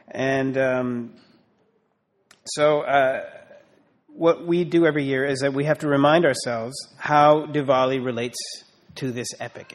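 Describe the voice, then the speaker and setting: A middle-aged man giving an informal talk, explaining an old story with many fillers and restarts. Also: mid-range voice. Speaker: guest speaker explaining a festival.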